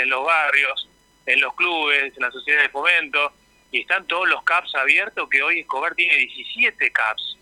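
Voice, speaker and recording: Argentine guy, higher voice, explaining step by step on a radio interview, dry sound. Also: pushed and bright, dry recording, poor audio. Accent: Argentine Spanish. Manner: explanatory, informative. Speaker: health official.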